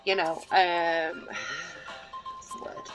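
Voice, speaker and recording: A let's play gamer narrates her life-sim gameplay very slowly in a fairly low voice with huge pitch swings. She rambles with many fillers and restarts, laughing lightly and poking fun at herself, over background music in a rough recording.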